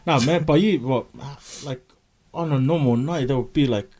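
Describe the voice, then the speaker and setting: A man's voice: mid-range voice, moderate pace, darkish tone. A man with a broad Kiwi New Zealand accent hosting a casual chat in a slangy, teasing, matey way. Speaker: podcast host.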